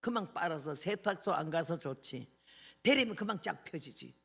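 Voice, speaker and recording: A woman's voice: low voice, expressive, normal speed, vocal fry, fairly bright tone, husky. An older woman preaching at a revival meeting, telling folksy anecdotes and acting out dialogue. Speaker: missionary preacher.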